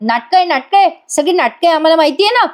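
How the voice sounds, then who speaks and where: A woman voicing an insistent young wife who repeats her point emphatically and slowly. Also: very high voice, animated, pitched above the performer's own voice.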